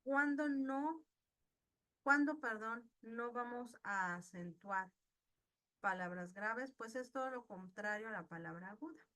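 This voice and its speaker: Slow, bright-voiced woman teaching online. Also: a little high, animated. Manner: slow, patient, asks the class questions. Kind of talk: online class lesson. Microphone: video call.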